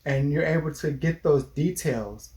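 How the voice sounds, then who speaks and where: Man in his twenties or thirties, therapist co-host, lecturing tone, a bit high-voiced. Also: a little slow, darkish tone. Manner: earnest, lecturing, restarts mid-sentence. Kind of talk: casual advice chat.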